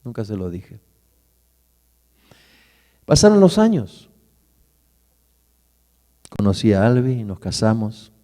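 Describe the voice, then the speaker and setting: A middle-aged man, preaching as a pastor and telling a personal story vividly, his voice going from loud to hushed. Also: on the low side, very animated, slow pace, long pauses. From Argentina. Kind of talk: sermon storytelling. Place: church hall. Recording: church hall with long reverb.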